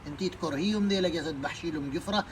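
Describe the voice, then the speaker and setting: Talking very fast in a fairly high voice, a man preaches emphatic advice to parents on social media, firing off many rhetorical questions in an impassioned monologue. The audio is poor, with slight background noise.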